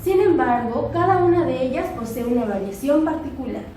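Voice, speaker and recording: A woman's voice: high voice, animated, brisk, dark tone. A young woman from Peru giving the formal closing part of a class presentation. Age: young adult. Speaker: university student presenter. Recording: very echoey room, distant mic, noise.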